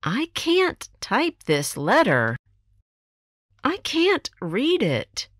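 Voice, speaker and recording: A woman with an American accent reading textbook dialogue lines for language learners, enunciating clearly. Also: high voice, wildly swooping pitch, extremely slow, a bit bright, no room sound. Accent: General American. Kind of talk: slow scripted textbook reading.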